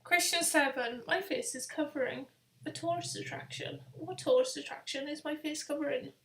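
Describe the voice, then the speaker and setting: A high-voiced woman runs a casual quiz for her viewers. She sounds tired and chatty, reading questions slowly and looping back over them. Her voice rings in a noticeably echoey room. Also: fairly bright tone. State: tired, yawning. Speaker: quiz host on a live stream. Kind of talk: casual live-stream chat.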